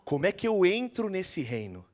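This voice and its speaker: Storytelling Brazilian pastor, fairly high voice. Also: male voice, normal speed. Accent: Brazilian Portuguese. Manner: lively storytelling, acts out the people he quotes. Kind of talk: sermon. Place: church.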